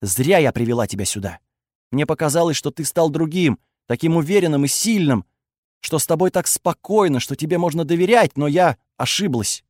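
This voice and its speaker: A man voicing an angry, defensive young woman with strange powers, who accuses and shouts sharply. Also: on the high side, lively intonation, normal speed, no echo, studio quality. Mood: bitter, cold.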